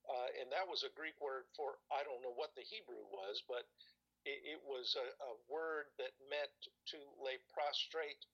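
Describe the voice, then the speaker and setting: Hesitant, bright-voiced man rambling through memories. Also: medium pitch, moderate pace, dull audio. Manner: rambling, hesitant, searches for words. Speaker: guest recalling church experiences. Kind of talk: casual conversation.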